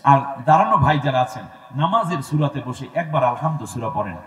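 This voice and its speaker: A man preaches an Islamic sermon to a large gathering. He swings between loud exhortation and low asides. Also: animated, fairly quick. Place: large open-air religious gathering. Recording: echoey hall sound from far off.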